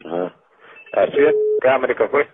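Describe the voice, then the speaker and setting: A young man answering a police duty line as a trainee, terse and matter-of-fact, with a gravelly, husky voice. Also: medium pitch, lively intonation, measured pace. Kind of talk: official phone call. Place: phone call. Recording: tinny, band-limited phone line.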